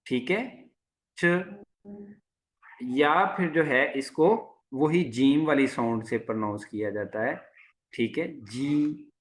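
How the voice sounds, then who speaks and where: Slow, patient male language teacher. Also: fairly high pitch. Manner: patient, repeats each sound several times. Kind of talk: lecture to a class.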